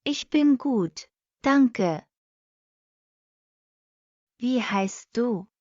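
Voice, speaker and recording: Very slow woman reading practice phrases. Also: on the high side, expressive, a little mellow, no room sound. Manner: reads each sentence twice, very slowly and evenly. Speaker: language lesson reader. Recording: dull lo-fi dry recording.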